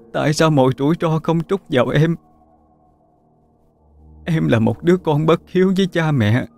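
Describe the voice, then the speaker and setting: A man voicing a sobbing young wife, high and pleading. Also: a little mellow. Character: grief-stricken young wife begging her dying husband.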